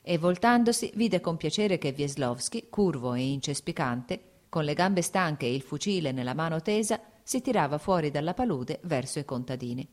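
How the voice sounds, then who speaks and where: Female audiobook narrator, lower pitch, measured and steady literary reading. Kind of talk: scripted audiobook narration of a classic novel.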